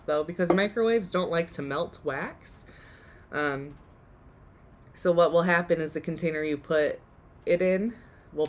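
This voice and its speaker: A woman's voice: fairly low pitch, slight background noise. A woman host losing her voice, giving a chatty, upbeat live DIY demonstration. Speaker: workshop host.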